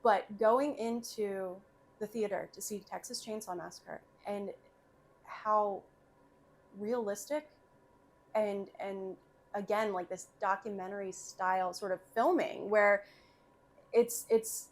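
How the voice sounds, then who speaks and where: Lively, laughing woman podcast guest. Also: medium pitch, slow. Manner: lively, laughs often, chatty. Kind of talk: casual podcast chat.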